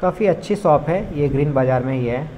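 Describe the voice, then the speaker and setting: A man's voice: fairly high pitch, brisk, highs cut off. A young man from India chatting casually to viewers as he walks through a city market and streets, filming himself as a travel vlogger. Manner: chatty, addresses viewers as brothers. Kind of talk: casual walking-tour narration. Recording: street noise behind handheld recording.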